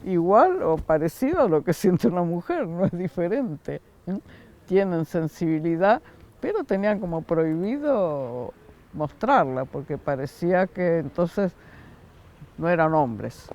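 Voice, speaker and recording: An older man from Argentina with an Argentine accent, unhurried in the interview and often laughing softly. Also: sits high, very animated, lo-fi sound. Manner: unhurried, with frequent soft laughs. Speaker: interviewee, founder of a school. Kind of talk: reflective interview answers.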